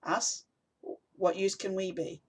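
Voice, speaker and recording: A man's voice: sits high, level tone, unhurried, pitched above the performer's own voice. A man voicing a blunt, forthright woman who is suspicious of a newcomer, in an audiobook.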